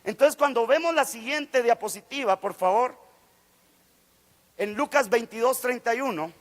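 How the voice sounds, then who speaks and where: A man delivers a fervent sermon from a church pulpit. His voice sits very high, and it rings out with a long hall echo. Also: moderate pace. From Guatemala. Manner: fervent preaching, acts out quoted voices, rising to exclamations. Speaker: guest preacher. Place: church sanctuary.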